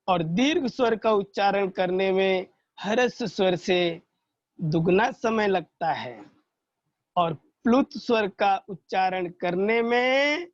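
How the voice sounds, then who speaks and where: A man's voice: high-pitched, no echo. A male teacher giving an online grammar lesson to children, explaining patiently and drawing out sounds as examples. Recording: dull lo-fi recording.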